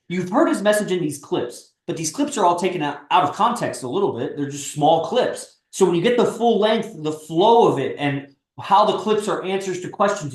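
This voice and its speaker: A man in his thirties, a stream host and coach, gives a casual livestream pep talk in a somewhat high voice. He's blunt and persuasive and swears freely, and the room sounds echoey.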